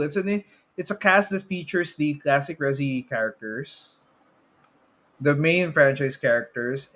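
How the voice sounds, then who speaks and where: A man with a Filipino accent co-hosts a podcast, chatting casually about video game movies with lots of chuckles, frequent hesitation and repetition. His voice is on the high side and a bit bright.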